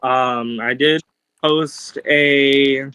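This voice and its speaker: A man's voice: mid-range voice, fairly even intonation, very slow, pushed and bright, clean tone. Insistent man arguing on voice chat. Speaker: debater on a voice call. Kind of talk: argumentative voice chat.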